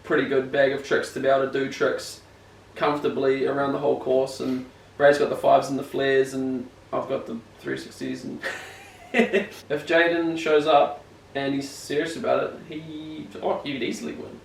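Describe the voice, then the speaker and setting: Speaking at a moderate pace with a gravelly, medium-pitched voice, this young New Zealand man is a BMX rider in a casual interview. His broad accent comes through as he rambles, drops slang and runs himself down. Faint noise and echo from a distant mic colour the sound.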